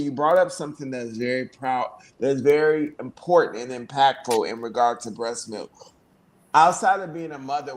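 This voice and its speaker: A man hosting a livestream panel on a video call, affirming and encouraging his guests. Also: medium pitch. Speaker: host.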